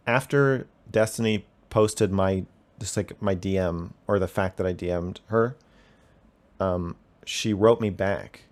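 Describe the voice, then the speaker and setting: Young male streamer, lowish voice, defensive and profane, talks in loose rambling bursts. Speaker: call-in show host reading chat. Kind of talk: casual livestream chat.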